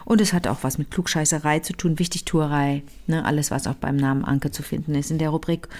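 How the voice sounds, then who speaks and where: A woman retelling a novel in casual chat, lively, with many fillers and restarts. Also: low voice, brisk.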